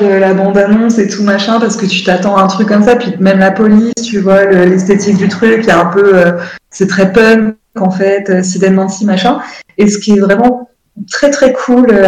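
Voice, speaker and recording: A woman's voice: medium pitch, darkish tone, roomy sound, a little hiss or hum, low-quality recording. A woman in a casual chat, rambling with enthusiasm and searching for her words. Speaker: guest on a chat show.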